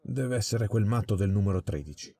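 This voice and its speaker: A man voicing a stern male prison warden who asks gruff, commanding questions. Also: fairly low pitch, animated, a little fast, warm tone.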